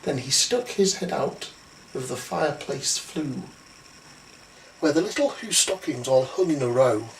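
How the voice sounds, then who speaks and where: Animated man reading a storybook, roomy sound. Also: mid-range voice, unhurried. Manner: dramatic, theatrical. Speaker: story reader. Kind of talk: rhymed storybook narration. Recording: roomy, distant, faintly noisy recording.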